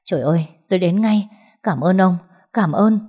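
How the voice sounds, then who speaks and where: A woman's voice: sits low, warm tone, husky. Woman voicing an anxious, eager young father. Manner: polite, hurried.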